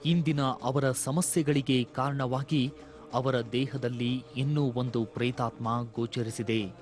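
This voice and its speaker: A man reads scripted television narration in a measured, formal way, with a studio voice-over sound. His pitch sits in an ordinary middle range. Faint music plays beneath him. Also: steady tone, darkish tone.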